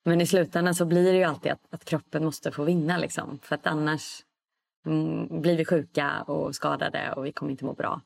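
A woman guest on a podcast, talking casually and reflectively, thinking aloud with pauses. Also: low voice, flat delivery, creaky, a little mellow.

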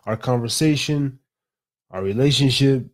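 A young man hosting a casual late-night podcast, rambling and excitable, swearing freely and calling his guest bro. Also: medium pitch, a little slow. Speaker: podcast host.

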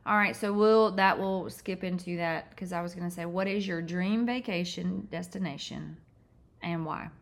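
A woman's voice: lowish voice, moderate pace, creaky. Playful woman with a Southern accent. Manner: playful, animated, teasing questions. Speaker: podcast host interviewer. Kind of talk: casual podcast interview.

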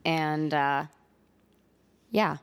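A young woman with a slight lisp co-hosts a casual podcast, chatting in a dry, self-deprecating way. Her voice is deep, clear and resonant, and she speaks very slowly.

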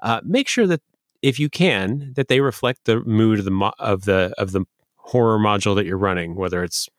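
A man's voice: fairly low pitch, normal speed, dry recording, studio quality. A man co-hosting a podcast about running tabletop games, talking casually with many restarts and fillers. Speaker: podcast co-host, dungeon master.

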